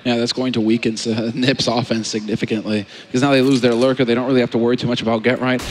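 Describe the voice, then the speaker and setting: A man's voice: medium pitch, flat delivery, fast talker. A man working as an esports caster, giving running match commentary and analysis. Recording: faint game noise behind commentary. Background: faint video game ambience.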